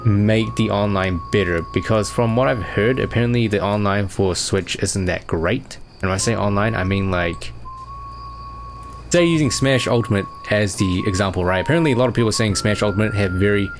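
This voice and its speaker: A man's voice: lowish voice, brisk. A young man chatting casually as he answers fan questions, easygoing and rambling with plenty of fillers. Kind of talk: casual chat. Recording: music playing behind.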